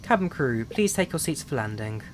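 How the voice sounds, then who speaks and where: A man at mid pitch speaks like a pilot at the controls, giving clipped, procedural cockpit callouts and a cabin announcement. His delivery stays calm and even. A constant whir of air conditioning and cockpit noise runs underneath. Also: normal speed. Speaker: flight simulator streamer.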